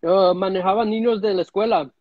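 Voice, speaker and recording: Here a guest caller from the US tells crude, rambling stories over a live stream, full of restarts, in casual chat from his home. He speaks fairly quickly in a high, husky voice with a steady tone. The phone front camera at arm's length captures dull, dry audio with no room sound.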